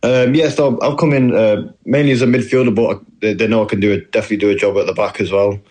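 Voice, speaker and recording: The speaker is a young adult footballer from New Zealand with a northern English accent, appearing as an interview guest. His voice sits on the low side, a little mellow, with fairly even intonation and a quick pace, and his polite answers are hesitant and full of fillers.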